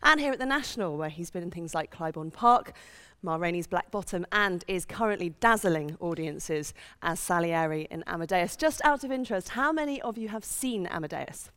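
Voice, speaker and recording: A woman's voice: on the low side, lively intonation, normal speed, fairly bright tone. A woman hosting an onstage interview in a theatre, speaking as an enthusiastic presenter. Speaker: interview host. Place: large theatre stage.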